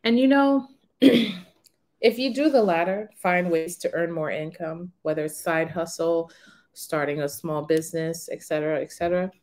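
A woman in her thirties talking frankly to camera in a casual, unhurried way from a small room. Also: lowish voice, a little mellow. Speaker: vlogger on renting. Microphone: camera in front of her.

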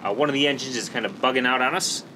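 Speaking at a rapid-fire clip in a medium pitch, this male gaming host talks over his gameplay in an excited, laid-back, slang-filled way. There's some noise behind his voice.

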